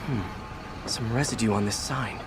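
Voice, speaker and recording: A man's voice: fairly low pitch, unhurried, background noise, natural voice. A man voicing an earnest, wisecracking young superhero who thinks aloud as he investigates in a video game. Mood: curious.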